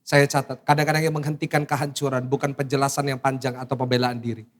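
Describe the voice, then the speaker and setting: A middle-aged man, a pastor preaching a sermon to a congregation. He tells personal stories animated delivery, acts out his own shocked reactions and asks the congregation questions. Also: mid-range voice, quick pace. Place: church sanctuary in front of a congregation.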